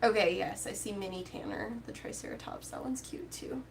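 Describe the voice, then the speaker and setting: A woman's voice: medium pitch, lively intonation, brisk, creaky, a little hiss or hum. A woman chatting casually with live viewers while she crochets, rambling and reading out their comments. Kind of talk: casual crochet-along chat.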